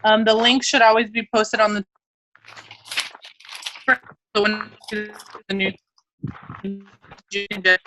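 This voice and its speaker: A woman's voice: medium pitch, flat delivery, unhurried, bright, forceful tone, slight background noise, poor audio. A woman leading a team training meeting over a video call, talking in a chatty way full of fillers while her audio keeps breaking up and cutting out. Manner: chatty, filler-heavy explaining. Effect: choppy, cutting-out video call audio. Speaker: team leader running a new-member meeting.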